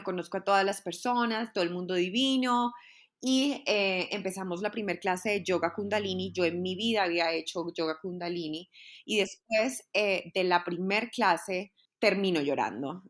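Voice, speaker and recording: A woman's voice: mid-range voice, measured pace, fairly bright tone. A woman, a podcast guest telling a personal story in an earnest, heartfelt way, often repeating words.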